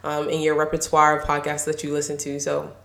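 A young woman co-hosting a podcast in casual, relaxed chat, laughing often. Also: sits low, fairly quick, vocal fry, roomy sound. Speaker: podcast co-host.

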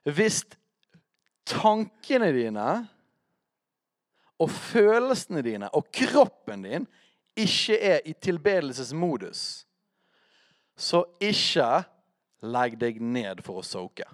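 In a sing-song, high voice that swings widely, a preacher gives a conversational teaching sermon on worship, pausing often. He speaks directly to listeners and checks in with short questions. The recording is close and dry, with no echo.

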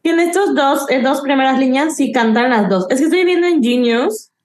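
Podcast co-host: Mexican woman, higher-pitched voice, casual and slangy, Spanish mixed with English. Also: a little fast. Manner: Spanglish, mixing English words into Spanish. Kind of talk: casual chat about song lyrics.

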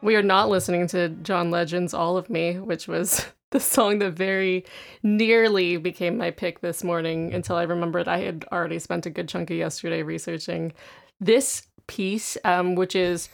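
A woman's voice: on the low side, steady tone, moderate pace, vocal fry. A woman co-hosting a music podcast in casual chat, talkative and laughing often. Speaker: podcast co-host.

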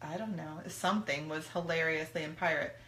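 A woman's voice: low voice, fairly bright tone. Chatty woman in an echoey room. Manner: chatty, quick to laugh. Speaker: co-host of a live stream. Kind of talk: casual chat.

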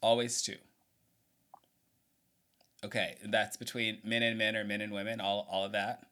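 A man's voice: on the low side, flat delivery, normal speed, sharp tone. A man hosting a podcast interview, chatting casually and laughing often. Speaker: podcast host.

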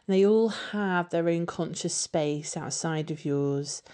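A woman leading a guided meditation with soothing, unhurried instruction. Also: fairly low pitch, mellow.

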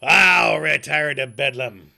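A man's voice: fairly high pitch, animated, moderate pace, fairly bright tone, pitched above the performer's own voice. A man voicing a mean, crotchety old miser who talks in a stern, growling, curt way while reading a storybook aloud. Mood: grumbling.

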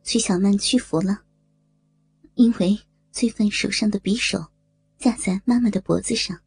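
A woman telling an audio story in steady, even narration. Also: mid-range voice, moderate pace, gravelly, breathy edge, dry recording.

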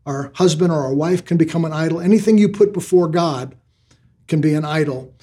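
A man's voice: fairly high pitch, a little fast, mellow, slightly rough. An older man preaching a sermon, earnest, often repeating words as he builds each point. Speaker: pastor.

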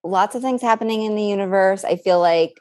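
A woman's voice: medium pitch, brisk, warm tone, dry recording, studio quality. A woman co-hosting a podcast in casual chat, upbeat and chiming in with short replies. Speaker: podcast co-host.

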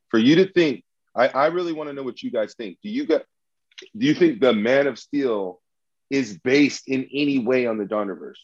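A man's voice: mid-range voice, dull audio. A man arguing his case in a mock trial about superhero movies, combative and profane, repeating himself as he gets heated.

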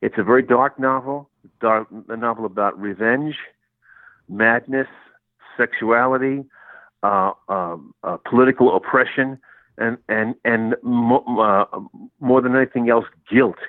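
Speaking at a measured pace in a mid-range voice, a man originally a Sicilian speaker, now a college English professor, shares his story in a casual interview. The dry, echo-free audio sounds tinny like a phone, and he rambles and restarts frequently.

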